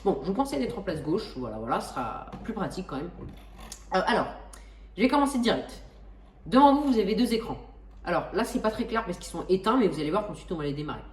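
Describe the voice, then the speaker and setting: A woman's voice: mid-range voice, big pitch swings, quick pace, a little mellow. Chatty Frenchwoman explaining, roomy and distant. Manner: chatty, many hesitations and restarts, self-joking. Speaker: flight simulator tutorial host. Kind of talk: casual tutorial explanation.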